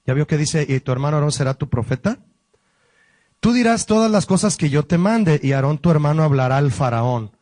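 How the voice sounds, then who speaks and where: A man, a pastor, teaching a Bible study lesson, explaining word meanings slowly and asking the listeners questions. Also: mid-range voice, a little mellow, dry recording.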